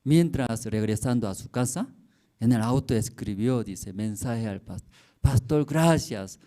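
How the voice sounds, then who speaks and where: A man preaching as a pastor in simple, halting Spanish, telling stories and checking in with the congregation. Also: medium pitch, expressive. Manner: tells stories, acting out dialogue with sudden loud outbursts. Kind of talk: sermon.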